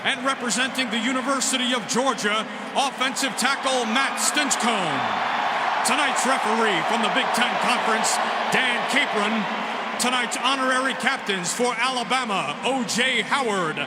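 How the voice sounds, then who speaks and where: A man making formal, booming stadium announcements over an echoing PA, drawing out each introduction. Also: moderate pace. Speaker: stadium public address announcer. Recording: echoing stadium PA, loud crowd noise.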